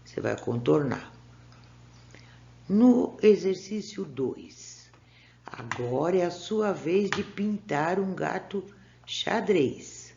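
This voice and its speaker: A Brazilian woman teaching young children in a recorded class, giving patient, clear, step-by-step instructions. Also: fairly low pitch, expressive, takes it slowly, dark tone, slight background noise. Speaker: primary school teacher. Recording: dull lo-fi recording.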